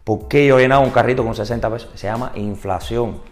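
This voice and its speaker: A man's voice: quick pace, faint music behind. A man giving a real estate business class to agents, mixing in English words and asking the audience rhetorical questions. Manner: animated, rises high and loud for emphasis, then drops low and quiet; mixes English words into Spanish. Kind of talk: live seminar talk to agents.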